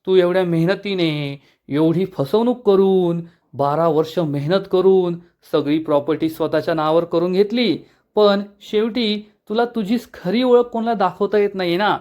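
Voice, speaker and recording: A woman's voice: fairly low pitch, a little mellow, natural voice. A man voicing a defiant young woman who taunts her rival in a cutting, accusing way.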